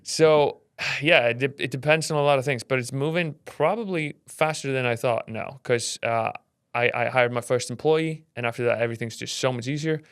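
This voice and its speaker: Late-20s man, hesitant guest, smooth clear tone, dry close mic. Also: mid-range voice, moderate pace, fairly bright tone, no room sound. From Iceland. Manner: hesitant, many restarts. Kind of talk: casual interview chat.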